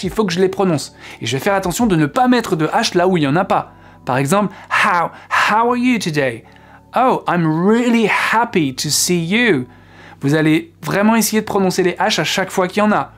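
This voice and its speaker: A man giving an explanatory video lesson as an English teacher, patiently repeating words to show how they sound. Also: sits high.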